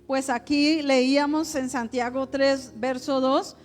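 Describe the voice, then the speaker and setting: A woman's voice: high voice, fairly even intonation, slow pace. A woman pastor, preaching a sermon in a conversational way, with rhetorical questions to the congregation.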